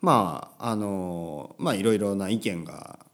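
A man's voice: deep voice, animated, a little slow. A man hosting a podcast for language learners, talking casually from home in a chatty, rambling way with plenty of fillers and tag words. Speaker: podcast host. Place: home with a washing machine running.

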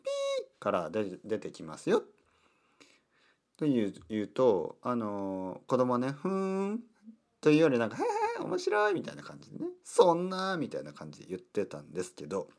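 A man with a low voice that swoops up and down expressively as he chats alone to his listeners. He keeps his wording simple and paced for learners, pausing to explain words along the way. His tone is casual and full of small asides. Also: wildly swooping pitch, darkish tone. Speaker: podcast host. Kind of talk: casual solo talk in simple Japanese for learners.

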